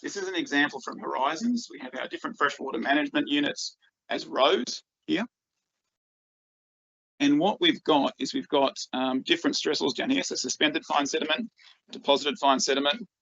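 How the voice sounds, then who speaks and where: Presenting at a conference as a researcher, this Australian man from rural northeast Victoria speaks with enthusiasm, littering his talk with ums and repeated words. His voice sits on the high side, gravelly and fairly bright, at a normal speed; the sound is lo-fi but free of echo.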